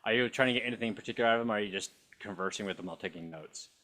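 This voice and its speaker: Man running a tabletop game, halting. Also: lowish voice, sharp tone. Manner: halting, searching for words with many fillers. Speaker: dungeon master.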